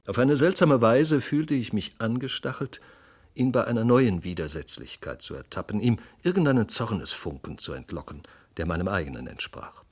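Expressive male audiobook narrator. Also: on the low side, normal speed, slightly rough. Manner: dramatic, expressive reading. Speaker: audiobook reader. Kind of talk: scripted literary narration.

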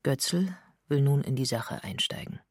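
A man's voice: mid-range voice, measured pace, breathy edge, dry recording, studio quality. A man giving sober, descriptive narration in a documentary radio drama.

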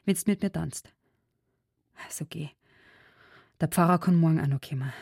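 A woman voicing a wild, jealous young village girl in dialect, loud and scornful. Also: sits low, unhurried, dry recording, studio quality.

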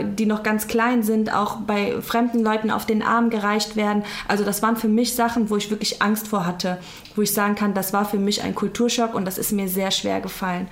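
A woman in her thirties from Germany, speaking candidly and reflectively as an interview guest. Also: mid-range voice. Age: 30s. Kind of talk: conversational interview.

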